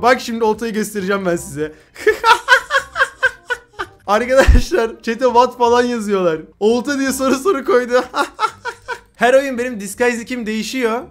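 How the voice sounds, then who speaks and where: A young man commentating his gameplay, excitable, shouting at other players and reading chat aloud. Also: very high-pitched. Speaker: gaming YouTuber.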